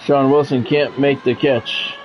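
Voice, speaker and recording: A level-toned, mid-range male voice, unhurried, with slight background noise. He's an American streamer calling a football video game live in brief, clipped radio-sportscaster lines and casually chatting with viewers, heard through a dull lo-fi mic over background music.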